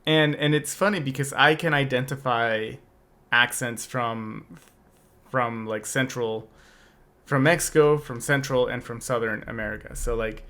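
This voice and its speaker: This podcast co-host is a young adult man with a mid-range, slightly bright voice and a measured pace. In casual chat he's reflective and easygoing, with many restarts.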